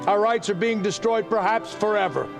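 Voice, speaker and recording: An actor playing a fervent, grieving father giving an earnest, emphatic patriotic film speech with deliberate pauses. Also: high-pitched, vocal fry. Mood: earnest, urgent. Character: fervent grieving father rallying a crowd as freedom fighter. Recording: film audio under loud music. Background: loud swelling music.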